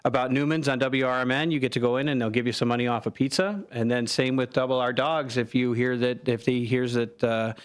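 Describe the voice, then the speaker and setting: A man's voice: medium pitch, fairly even intonation, brisk, hardly any pauses, clean tone. An American man chatting casually as a co-host on a radio show.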